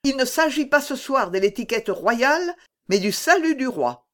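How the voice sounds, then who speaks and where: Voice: high-pitched, animated, moderate pace, a bit bright, voice pushed up. A reader voicing an anxious but imperious queen. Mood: urgent. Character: anxious proud queen, adult woman.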